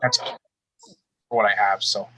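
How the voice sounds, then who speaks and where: A man's voice: on the low side, huge pitch swings, sharp tone, a little hiss or hum, rough recording. Man on a phone with choppy cutting-out audio. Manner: halting, with many fillers. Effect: audio cutting out over a phone connection. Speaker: guest on a live show. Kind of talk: casual chat. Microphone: phone on a live call.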